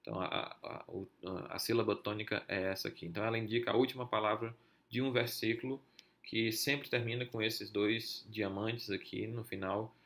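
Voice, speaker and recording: Low gravelly man teaching, "certo?" tags. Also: fairly even intonation, moderate pace, fairly bright tone. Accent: Brazilian Portuguese. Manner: many filler "é" and "certo?" tags. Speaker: podcast teacher. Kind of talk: explaining Hebrew accents over a text.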